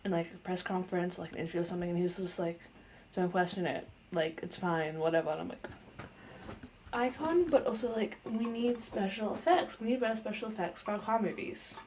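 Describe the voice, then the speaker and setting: A woman's voice: medium pitch, flat delivery, fast talker, few pauses, a little mellow, a little hiss or hum. Chatty young woman vlogger, filler-heavy. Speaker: vlogger reviewing a film. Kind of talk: unscripted casual review.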